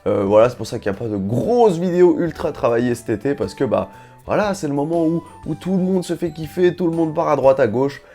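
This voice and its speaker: A man's voice: a little high, brisk, mellow, faint music behind. A man with a grainy morning voice hosting an unboxing vlog in informal, slangy, casual chat. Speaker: YouTube host.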